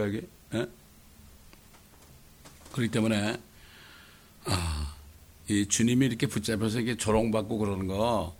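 A middle-aged male pastor preaching a sermon, animated, often tossing "eh?" to the congregation. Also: mid-range voice. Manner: animated, rhetorical questions, frequent "eh?" asides.

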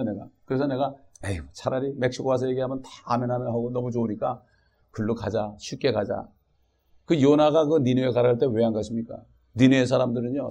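A man preaching a sermon as pastor, reading scripture aloud and then talking in an animated way, often tossing rhetorical questions at the congregation. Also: mid-range voice.

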